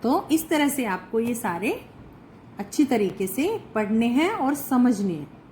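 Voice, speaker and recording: A woman teacher with a fairly high voice works through a recorded lesson at a very slow, unhurried pace. She reads each phrase, then stops to translate and explain it. A faint hiss of noise sits under her voice. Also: sing-song, a little mellow, low-quality recording. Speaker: Sanskrit teacher.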